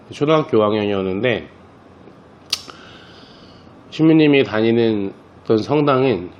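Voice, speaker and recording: Priest telling children a story. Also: male voice, medium pitch, lo-fi sound. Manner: relaxed storytelling, talks directly to the children. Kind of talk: catechism class for children.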